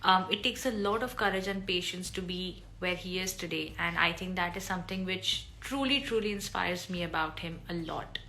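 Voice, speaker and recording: Woman, sharp bright voice, eager fan message. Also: lowish voice, moderate pace, hardly any pauses, a little hiss or hum, low-quality recording. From India. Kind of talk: fan testimonial.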